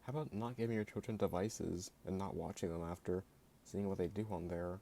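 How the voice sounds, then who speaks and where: A YouTube creator rants in a low, dark voice with vocal fry, fairly even intonation and a slightly fast pace, while a little hiss or hum sits in the background. His delivery is blunt and sarcastic, heavy on "like," and occasionally jittery.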